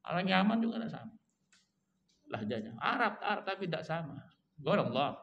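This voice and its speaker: Man, religious teacher, slightly high voice, repetitive explaining. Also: very animated, normal speed, vocal fry, highs cut off. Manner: repetitive, mixes Arabic and Indonesian, frequent "ya" tags. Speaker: Islamic teacher. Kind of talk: religious lecture.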